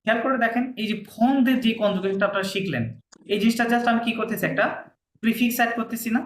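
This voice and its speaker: A man's voice: very high-pitched, quick pace. A man teaching a language class, patiently repeating words for his students to copy. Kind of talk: classroom lesson. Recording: echoey room, faint hiss.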